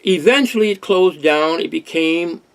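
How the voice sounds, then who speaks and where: A man's voice: fairly high pitch, moderate pace, gravelly. An older man, hosting a casual discussion in an earnest, rambling way with many restarts. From Harlem, New York. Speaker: host.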